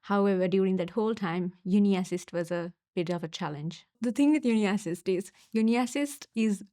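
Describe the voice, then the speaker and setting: A young university student from Sri Lanka gives a casual testimonial, thoughtful and unhurried, with small pauses and fillers. Her mid-range voice sounds warm, in clean studio audio with no room sound.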